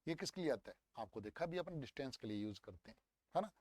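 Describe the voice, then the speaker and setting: A young man teaching English grammar in a lively, coaxing way, walking through an exam paper and drilling words aloud. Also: mid-range voice, quick pace, husky, no room sound. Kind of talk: exam paper walkthrough lesson.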